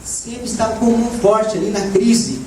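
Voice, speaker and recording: Preacher guy, a little hoarse, far from the mic in a roomy church, noisy background. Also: high voice, moderate pace. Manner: lively, frequent "né?" asides, rising to shouts. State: slightly hoarse. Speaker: evangelist preacher. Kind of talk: sermon. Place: church hall. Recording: echoey church room, voice from far off, background noise.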